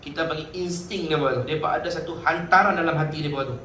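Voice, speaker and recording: Male preacher, high and bright voice, animated storyteller, echoey room, distant mic. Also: fast talker, a little hiss or hum. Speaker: religious teacher. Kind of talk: sermon.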